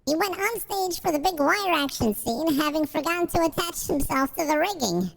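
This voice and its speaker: A tiny, squeaky chipmunk voice reads out game text, sky-high and gravelly at once. The pitch bounces all over, and a long reverb tail trails behind each line. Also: male voice, expressive, moderate pace, fairly bright tone, exaggerated voice. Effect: sped-up chipmunk voice filter. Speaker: game streamer reading game text. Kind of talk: reading on-screen game text aloud.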